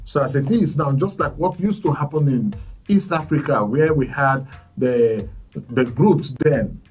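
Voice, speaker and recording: A man, hosting a talk show with measured, formal phrasing. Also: mid-range voice, darkish tone, slightly rough. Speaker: podcast host. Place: studio set. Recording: distant mic, faint music behind.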